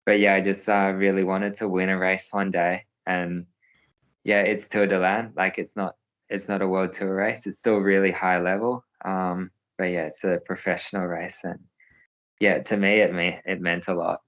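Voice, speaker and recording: A man's voice: low-pitched, flat delivery, normal speed, fairly bright tone, poor audio. A young man, a professional cyclist, answering interview questions in a hesitant way, with many fillers and restarts.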